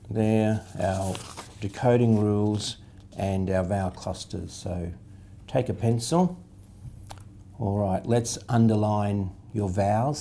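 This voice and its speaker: A man's voice: fairly low pitch, warm tone, slight background noise. A man, patiently explaining a reading method step by step, spelling out letters and sounds. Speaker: literacy tutor.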